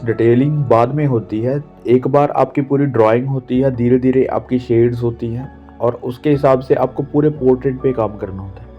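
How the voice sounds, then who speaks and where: A man from India talks through a drawing lesson patiently, pausing on fillers as he explains each step. His voice is mid-pitched. The audio is dull and lo-fi, with soft music underneath. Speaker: art teacher. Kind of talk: drawing tutorial talk. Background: faint background music.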